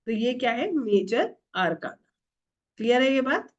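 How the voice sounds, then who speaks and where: A woman's voice: on the high side, sing-song, measured pace, muffled recording. A middle-aged woman teaching an online tarot workshop, asking the class questions and answering them herself, with English words mixed into her Hindi. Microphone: video call.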